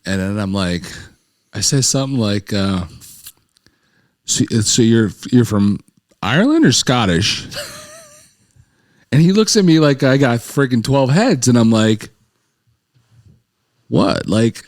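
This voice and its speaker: A man telling stories in casual podcast chat, animated and profane, laughing often. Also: medium pitch, measured pace, pauses often, dry recording, clean studio sound. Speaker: podcast co-host.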